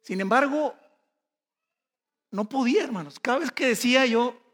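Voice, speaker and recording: High-voiced preacher man in a reverberant hall. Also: animated, normal speed, a bit bright. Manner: addresses congregation as brothers, rhetorical questions; folksy personal storytelling. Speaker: pastor. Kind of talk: sermon with scripture reading.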